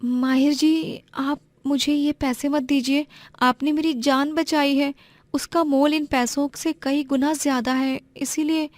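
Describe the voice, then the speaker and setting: A shy, humble young bangle seller, as a woman puts her on in a cartoon. She sounds soft and hesitant, pitched a little above the narrating voice, in a dry, close recording. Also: steady tone, unhurried, no room sound. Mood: earnest. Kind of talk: Hindi cartoon voice acting.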